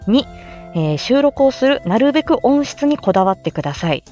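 An amateur voice actor on a livestream explains how to make voice samples, speaking close into a smartphone in a casual, polite, chatty and encouraging way. Her high voice is warm and brisk with big pitch swings, and faint music plays behind her.

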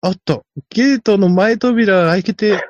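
A man's voice: high-pitched, moderate pace, a little mellow, no room sound, voice pushed up, natural voice. A man playing a male race announcer who keeps calling a gate delay in clipped, formal announcer phrases. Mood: announcing. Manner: formal announcer delivery in short clipped calls. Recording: slightly dull, dry lo-fi sound.

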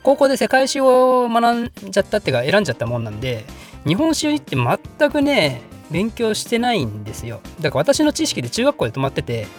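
Casting: quick-talking male host, high and very lively, voice edited a touch higher, rambling and self-deprecating, faint music behind. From Japan. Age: adult, working. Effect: voice pitched up slightly in editing. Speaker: history channel host answering viewer questions. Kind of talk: casual Q&A monologue.

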